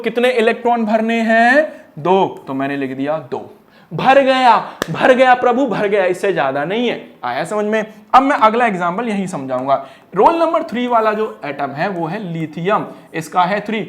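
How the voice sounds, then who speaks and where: A man teaching an energetic one-shot lesson in a playful, teasing way. He fires quiz questions, answers them himself and stretches phrases into a singsong. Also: sits high. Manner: drags words out in a singsong way.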